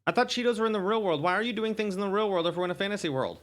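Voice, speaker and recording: A man plays a puzzled player in improv comedy. His voice is a little higher than average. He stumbles over his words, repeats himself and keeps firing off questions. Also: rapid-fire, a bit bright. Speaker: improviser acting as confused player.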